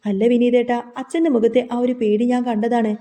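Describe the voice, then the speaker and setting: A woman's voice: fairly high pitch, flat delivery, normal speed, dark tone. A woman narrating a recap of a television serial episode, reading the characters' dialogue as she tells the story.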